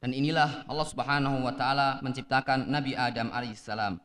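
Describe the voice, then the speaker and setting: A man's voice: medium pitch, flat delivery, fast, fairly bright tone, long reverb tail. A man interpreting a sheikh's religious lecture, restating and explaining each point.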